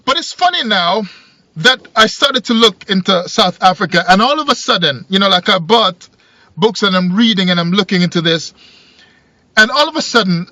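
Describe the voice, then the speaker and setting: An animated man with a voice that sits high speaks at normal speed, pushed and bright, as he muses to camera from a parked car. He's a video commentator in his forties who grew up in Jamaica, rambling and repeating himself. The dashboard phone or camera yields dull, lo-fi car audio with no echo.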